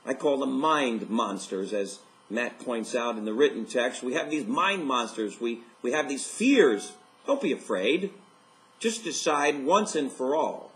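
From his living room, a fifties-aged life coach speaks straight to camera in an upbeat, enthusiastic motivational video. He has a medium-pitched voice with a fairly bright tone.

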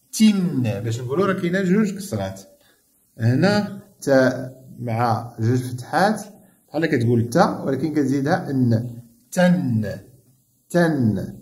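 A man with a Moroccan Arabic accent, teaching a reading lesson to young children. He sounds out each syllable slowly and repeats it so the pupils can copy him. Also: medium pitch, reverberant. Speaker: primary school teacher.

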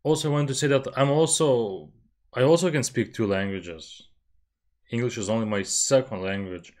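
Speaking at a normal speed in a mid-range, slightly mellow voice, the Lithuanian-born host talks through a headset and desk mic in his small bedroom, webcam framing him. He gives casual music reaction commentary, chatty and self-deprecating with frequent laughter.

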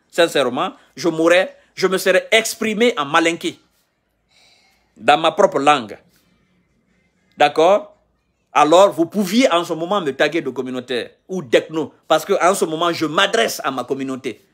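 Sitting on a sofa in a cramped room, a thirtysomething Guinean man who comments on politics streams a heated rant live from a phone held out at arm's length. He lectures and circles back to his points in a fairly bright, somewhat high male voice.

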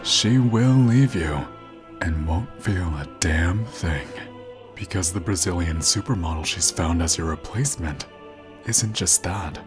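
A man voicing a haughty, foul-mouthed young woman who rants deadpan in a comedic anime fan dub. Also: low-pitched. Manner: deadpan ranting, crude swearing.

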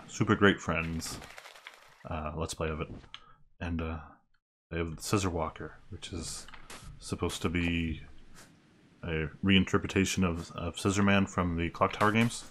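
A man giving casual, low-key commentary on a video game in an unhurried way. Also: fairly even intonation, a bit bright. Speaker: let's player. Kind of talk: casual game commentary, reading dialogue aloud. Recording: clear background noise.

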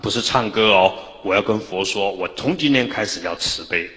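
Forceful low-voiced monk preaching. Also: male voice. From Taiwan. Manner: storytelling, with frequent drawn-out interjections. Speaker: Buddhist master. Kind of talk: Buddhist dharma talk. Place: temple lecture hall. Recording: long hall reverb.

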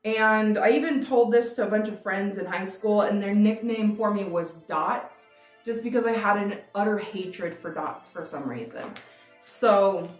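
A candy taste test vlog: the host, a woman in her twenties, speaks to camera in a mid-range voice at a measured pace, rambling and hesitant and full of "like." She's indoors in a decorated room. The camera is a few feet away, making the recording roomy and distant, with music behind her.

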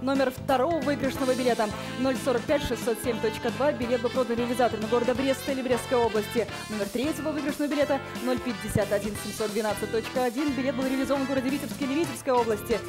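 Young female announcer, high voice, formal number calling, TV studio, music behind. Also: steady tone, rapid-fire, few pauses. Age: young adult. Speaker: lottery show co-host.

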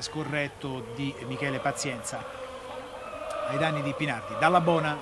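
A man with an Italian accent giving live play-by-play football commentary. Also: mid-range voice. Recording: constant stadium noise behind voice. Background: stadium ambience.

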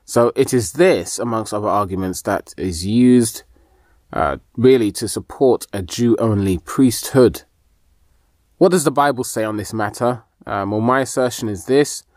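A man's voice: medium pitch, darkish tone, no room sound, clean studio sound. A man giving an unscripted Bible teaching on a podcast, thinking aloud with many fillers and restarts.

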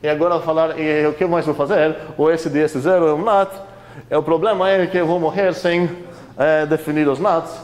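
A man's voice: on the high side, fairly even intonation, brisk. A man lecturing a university class in a conversational way, questioning the students often, with many fillers.

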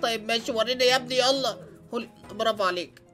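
Rapid-fire Egyptian gamer guy. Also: very high-pitched. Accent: Egyptian Arabic. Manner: excitable, lots of English exclamations. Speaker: gaming channel host. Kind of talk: excited let's-play commentary. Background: faint background music.

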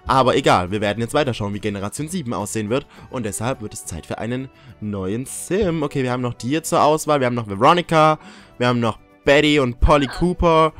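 A man's voice: medium pitch, fast, fairly bright tone, soft background music. A young man giving casual, jokey commentary while playing a life-simulation game, yelping and swearing when something startles him. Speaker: gaming YouTuber. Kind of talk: casual let's-play commentary.

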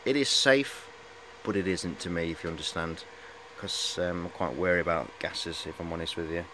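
A deep-voiced hobbyist in his forties speaks at normal speed as he shows high-voltage equipment, rambling in a hesitant, friendly manner. The casual show-and-tell takes place in a cluttered workshop, recorded on a handheld camera at arm's length with clear background noise.

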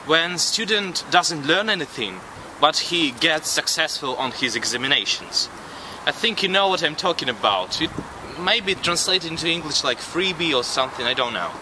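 A young man with a Russian accent giving a halting, filler-heavy walking tour outdoors on a camera mic. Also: on the high side, animated. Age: young adult. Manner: halting, lots of fillers and restarts. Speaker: vlog host and city guide. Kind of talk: casual walking tour talk. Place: outdoors on a city campus street. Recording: loud wind noise on camera mic.

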